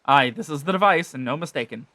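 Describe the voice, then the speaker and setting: A man doing a gruff old sea rogue. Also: on the high side, expressive, quick pace, pushed and bright, dry recording. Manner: folksy, drops into slangy dialect. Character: gruff rough-spoken male sea rogue.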